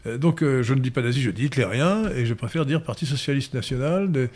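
A man's voice: medium pitch, lively intonation, quick pace, darkish tone. A man giving long political explanations in a discussion, lecturing with frequent hesitations and emphatic stresses. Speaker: guest commentator.

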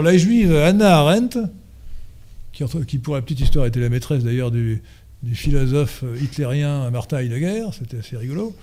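A man's voice: medium pitch, warm tone. A man giving a conference lecture and answering audience questions, hesitant and full of fillers and restarts, then driving his points home emphatically.

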